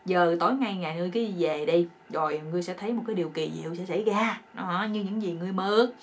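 A woman voicing an old male fairy spirit who grants wishes, speaking slowly and solemnly in old-fashioned words. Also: fairly low pitch, close to an everyday voice. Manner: slow, solemn, archaic speech.

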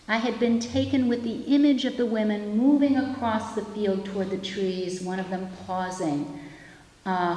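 In a chapel-like hall with long, echoing reverb, a woman in her fifties reads her keynote lecture from pages at a lectern microphone. Her voice is medium-pitched and a little mellow, and the prose is measured and reflective.

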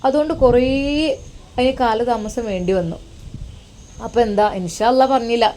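A woman voicing an elderly devout mother who gives gentle, soothing advice. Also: on the high side, normal speed, a little hiss or hum, natural voice. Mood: advising.

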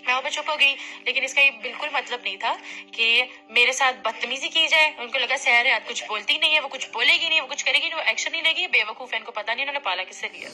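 A woman's voice: sits high, fast, bright, forceful tone. Indignant young woman on a phone call. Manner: indignant, insistent, repeats herself. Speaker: complaining client on a phone call. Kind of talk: heated phone argument. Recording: phone call recording with faint music.

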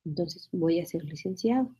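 A woman's voice: on the low side, animated, normal speed, dark tone, breathy edge, muffled recording. A woman teaching a spelling lesson, explaining patiently, repeating phrases and checking in with her students.

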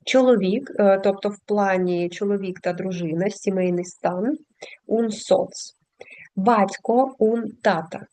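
A woman's voice: mid-range voice, measured pace, dark tone. A woman teaching a language lesson, patiently explaining step by step and reading out word lists.

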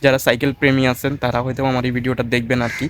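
Out in a backyard beside a pond, a man vlogs casually, a little worn out after washing his bicycle, talking to viewers directly in a rambling, chatty way. His medium-pitched voice stays level and runs very fast, kept quiet so the neighbours won't hear. The audio is poor, with slight background noise.

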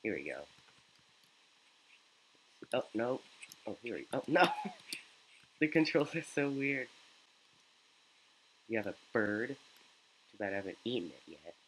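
A man chats loosely over a game playthrough, cracking goofy jokes. His voice sits a little low but sounds bright, and his pace is slow, with a faint background hum. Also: very animated, rough recording. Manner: goofy, joking asides while playing. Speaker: gaming YouTuber. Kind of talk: let's play commentary.

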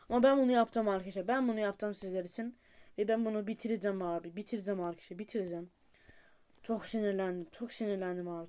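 Female gameplay streamer, mid-pitched, chatty and urgent, keeps repeating herself while playing. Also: mellow. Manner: talks straight to viewers, repeats urgent pleas and cheers. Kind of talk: casual gameplay commentary.

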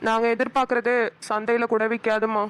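A woman's voice: a little high, little pitch movement, brisk, a bit bright, clean tone, natural voice. A woman voicing a sulky, hungry schoolboy son with a Kanyakumari Tamil accent and a whiny way of talking.

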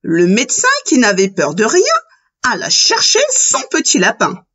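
Lively woman reading a children's story. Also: mid-range voice, normal speed, slightly rough, highs cut off. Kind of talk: children's audiobook narration.

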